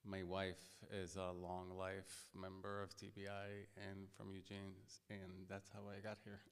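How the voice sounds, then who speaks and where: A man's voice: low-pitched, completely flat delivery, measured pace, clear, resonant tone. A man from Israel introducing himself plainly as a panelist. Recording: long hall reverb.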